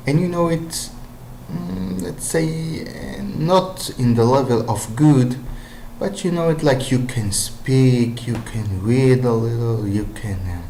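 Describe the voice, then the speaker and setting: A man whose first language is Hebrew gives language-learning advice with an Israeli accent, in a hesitant, casual monologue full of fillers and restarts. His voice is fairly low-pitched, with roomy echo and a noisy background.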